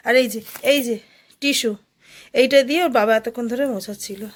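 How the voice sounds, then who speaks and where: A woman's voice: a little high, brisk. A young Indian woman vlogging casually at home, chatting to her viewers as friends and coaxing her toddler in playful baby talk.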